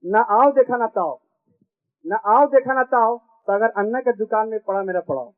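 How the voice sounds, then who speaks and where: A man's voice: sits high, normal speed, lightly acted. A man voicing a nosy male CCTV camera that scolds in sing-song rhymes and repeats each warning twice, on a tinny recording. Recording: tinny phone-like sound.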